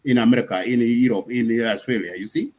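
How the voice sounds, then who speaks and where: A man from Sudan, specifically South Sudan, speaks in a casual panel discussion with a mid-range, slightly mellow voice at a quick pace. He explains at length and keeps checking in with "you see?"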